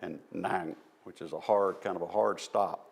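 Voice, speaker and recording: A man's voice: deep voice, steady tone, moderate pace, creaky, breathy edge. A man with a Southern US accent giving an informal presentation at a church, explaining things step by step in a folksy, self-deprecating way. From American South. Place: church hall.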